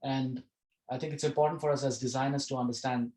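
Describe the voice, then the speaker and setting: A man's voice: mid-range voice, fairly even intonation, quick pace, dark tone, reverberant, slight background noise, poor audio. A man teaching an online class over a video call, talking casually and often restarting his phrases. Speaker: course instructor.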